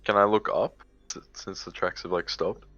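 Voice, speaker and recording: A man's voice: deep voice, fairly even intonation, normal speed, sharp tone, dry recording, faint music behind. An Australian man chatting casually as a player in a tabletop game, over a dull, dry voice-chat recording.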